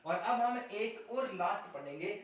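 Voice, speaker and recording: A man with a high voice teaches an exam grammar lesson. He asks a question, answers it himself, and calls his viewers "friends" again and again. He stands far from the mic in a very echoey room. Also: lively intonation, unhurried, lo-fi sound.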